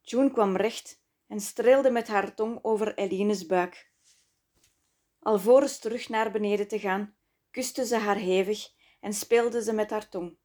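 A woman reading her own book aloud in slow, measured, intimate scripted narration. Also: mid-range voice, darkish tone. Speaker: author and narrator.

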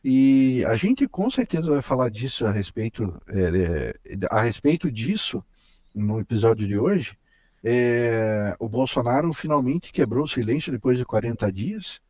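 A man's voice: medium pitch, sing-song, measured pace, a little mellow, dry recording. A man with a Brazilian accent, a podcast co-host who rants theatrically and indignantly, stumbling over restarts. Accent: Brazilian Portuguese. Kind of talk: casual comedic chat.

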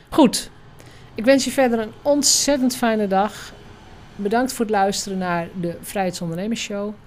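A woman's voice: medium pitch, a little mellow, slight background noise. A middle-aged woman hosting a solo business podcast, coaching listeners in a direct, emphatic, exhorting way.

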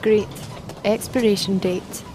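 A stiff, robotic-sounding customer service agent, voiced by a woman who reads her lines in an even, mechanical way and never reacts to the caller. Her voice sits at a middling pitch for a woman. A clear hiss of noise runs underneath her. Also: slow, close to an everyday voice. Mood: scripted. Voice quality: flat robotic delivery.

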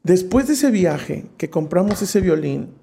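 A man's voice: high voice, unhurried, vocal fry, slight background noise. A man, a preacher telling a personal testimony in an interview, acting out the voices he quotes. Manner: lively storyteller who acts out quoted voices. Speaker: preacher, guest.

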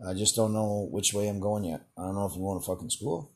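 A low-voiced man talking alone on his podcast, with a husky, slightly rough tone. He rambles freely, curses in nearly every sentence and lets out short chuckles between his ums and you-knows. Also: steady tone, quick pace, dark tone. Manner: rambling, heavy swearing, frequent fillers and chuckles. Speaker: podcast host. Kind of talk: casual solo monologue.

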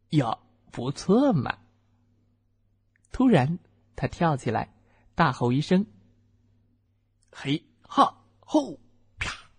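A woman reads a children's picture book slowly and playfully. Her voice is soft and breathy, and it rises and falls widely as she takes on the different animals. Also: sits low. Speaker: storyteller. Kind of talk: children's story reading.

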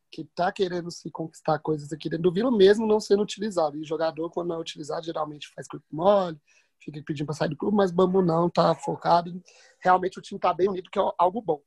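A man's voice: high voice, fairly even intonation, quick pace, slightly rough, no room sound. A Brazilian man giving casual, slangy match analysis as a football podcast panelist.

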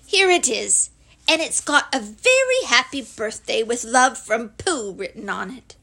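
An eager, sing-song teddy bear, cheerful and simple, as a woman reading aloud puts him on. His voice rides high and lilting from a storybook. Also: lively intonation, unhurried, creaky, sharp tone, heavily acted.

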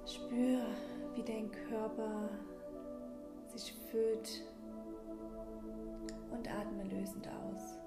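Female meditation guide, soft spa-like half-whisper with a creaky edge, slow and soothing, ambient music underneath. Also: fairly high pitch, steady tone. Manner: gentle, unhurried, soothing delivery with long pauses. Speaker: meditation guide and podcast host. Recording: roomy echo, ambient music bed. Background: slow ambient new-age music.

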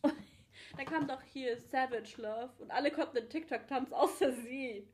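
A woman's voice: sits high, moderate pace, a little mellow. A young woman co-hosting a casual podcast, rambling through a story and laughing often. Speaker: podcast co-host. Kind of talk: casual chat recapping a dating show.

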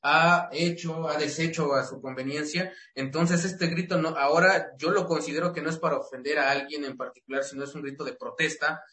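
A man's voice: a little high, steady tone, a little fast, hardly any pauses, sharp tone, roomy sound. A Mexican man co-hosting a football talk show, rambling with many restarts. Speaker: sports show co-host.

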